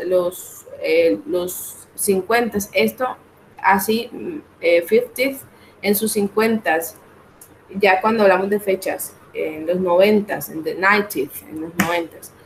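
A woman teaching an English class over a video call, explaining step by step and with patience as she calls on her students to answer. Her voice sits at an ordinary pitch, and a faint hum of background noise runs underneath. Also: rough recording. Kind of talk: online class teaching in Spanish.

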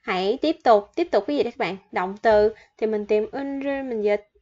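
A woman's voice: fairly high pitch, moderate pace, a little mellow. A Vietnamese-speaking woman teaching Korean vocabulary and grammar, patiently repeating each word and asking her viewers questions. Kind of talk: explaining vocabulary and grammar to learners. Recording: dull lo-fi sound.

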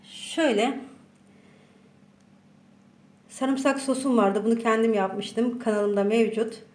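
A woman's voice: a little high, moderate pace, a little mellow. A woman hosting a casual home cooking tutorial, chatting to her viewers as friends while she works. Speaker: cooking channel host. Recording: roomy echo, faint background noise.

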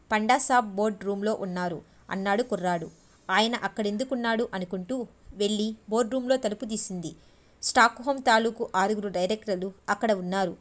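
A woman narrating a novel as an audiobook, in steady, measured storytelling. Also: medium pitch. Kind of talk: novel reading.

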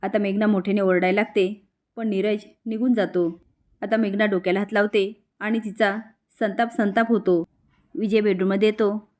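A woman narrator retells a television soap episode in a steady, even storytelling flow. Her voice sits at an ordinary middle pitch for a woman. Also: normal speed.

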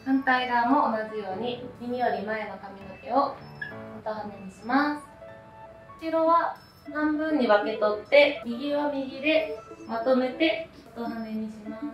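A woman talks through a hairstyle one step at a time in a plain, even voice, pitched a little high. She sounds set back from the mic in an echoey room. Soft music plays underneath. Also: a little slow, far from the mic, lo-fi sound. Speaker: hair tutorial narrator. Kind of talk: calm step-by-step voice-over instruction.

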